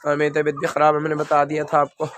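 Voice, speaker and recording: A man's voice: fairly high pitch, completely flat delivery, fast, a bit bright, no room sound. Feverish young man with Pakistani Urdu accent. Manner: plain, rambling talk to viewers. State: feverish, unwell. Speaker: vlogger keeping birds. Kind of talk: casual vlog narration. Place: outdoor rooftop bird enclosure. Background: chickens and birds clucking.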